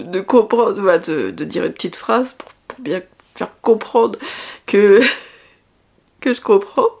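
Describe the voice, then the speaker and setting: Woman vlogger rambling away, gravelly fry in her voice, laughs a lot. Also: mid-range voice. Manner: chatty, rambling, laughs often, many restarts. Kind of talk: casual chat.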